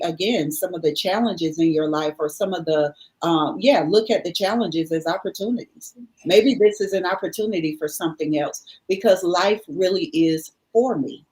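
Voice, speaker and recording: A woman's voice: medium pitch, darkish tone, low-quality recording. A woman guest speaking earnestly in a reflective, motivational conversation, repeating favorite sayings for emphasis.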